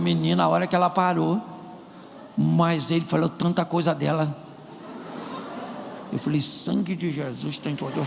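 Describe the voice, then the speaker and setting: A man's voice: high voice, vocal fry, slight background noise. A man preaching a sermon, using humor and acting out married couples' quarrels. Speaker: pastor. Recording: large hall with long reverb.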